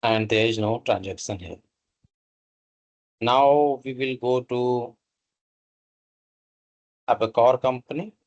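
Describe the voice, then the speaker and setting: A man narrates a step-by-step software tutorial, halting and instructional, with pauses between short phrases. His voice is mid-range. The highs in the audio are cut off.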